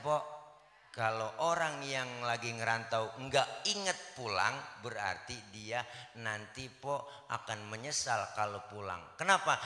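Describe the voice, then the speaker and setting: A man's voice: medium pitch, sharp tone. A man giving a comic sermon, joking in punchy playful asides. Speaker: preacher. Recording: echoey live hall recording.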